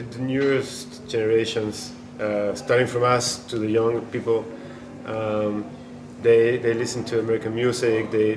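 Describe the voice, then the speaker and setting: Man, from Chile, casual rambling interview talk, echoey room, background noise. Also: medium pitch. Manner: rambling, many restarts and fillers. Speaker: band member interviewee. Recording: echoey room with noisy ambience.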